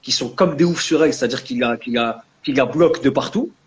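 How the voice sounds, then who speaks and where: A man's voice: medium pitch, brisk, a little hiss or hum. A young man with a French Maghrebi urban accent talks casually in a discussion, mixing street slang with Arabic religious terms. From France, of Maghrebi family. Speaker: guest, book author.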